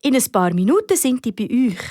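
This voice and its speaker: A woman voicing a calm, kind female fire dispatcher who speaks reassuringly, with a Swiss German accent. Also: a little high, brisk, no echo, studio quality.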